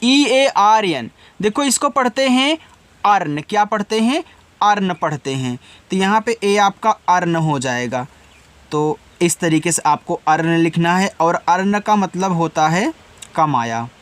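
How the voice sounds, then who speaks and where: A man teaching English words letter by letter, spelling slowly, then explaining patiently and answering his own questions. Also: high-pitched, expressive, fairly bright tone. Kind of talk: Hindi-language spelling lesson.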